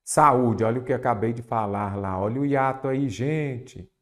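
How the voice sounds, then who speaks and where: A man's voice: mid-range voice, normal speed, darkish tone. A Brazilian Portuguese teacher working through exam questions, asking and answering his own questions and stretching key words. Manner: repeats a mnemonic, stretches words for emphasis. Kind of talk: exam-prep lesson, solving questions aloud.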